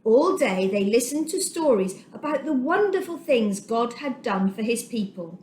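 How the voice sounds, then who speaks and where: With a slightly high, expressive voice that has a darkish tone, a woman reads a children's Bible story with dramatic emphasis and careful phrasing. The recording is echoey, with a bit of background noise.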